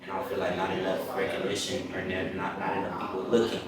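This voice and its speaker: Male guest, deep monotone, laid-back street talk; roomy distant mic, loud crowd behind. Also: fast talker. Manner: laid-back, repeats "you feel me". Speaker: guest, creative director. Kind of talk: casual interview chat.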